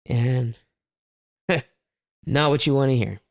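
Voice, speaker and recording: A man's voice: mid-range voice, slow pace, creaky, no room sound, clean studio sound. A man telling his family's story as a guest, candid and rambling, with a few self-aware laughs. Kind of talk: casual personal storytelling.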